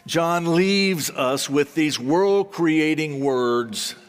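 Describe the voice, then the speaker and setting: A man preaching a sermon in deliberate, solemn phrases, with rhetorical repetition and dramatic pauses. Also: a little high, clean tone. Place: large reverberant hall or sanctuary. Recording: long hall reverberation.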